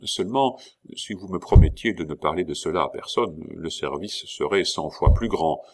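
A man doing a smooth, wheedling swindler. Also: low-pitched, normal speed. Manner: wheedling and flattering. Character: smooth, evasive male swindler, ingratiating.

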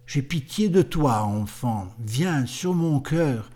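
Guy reading a proud mocking young woman, slow and cool, mellow tone. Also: medium pitch, lively intonation. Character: proud, scornful, moody young woman lover. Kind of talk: audiobook character reading.

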